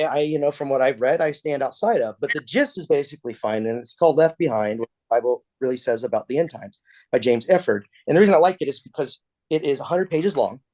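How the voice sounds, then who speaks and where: A man's voice: on the high side, darkish tone, no room sound. A man leading a casual church class discussion over a video call, talking conversationally with frequent restarts.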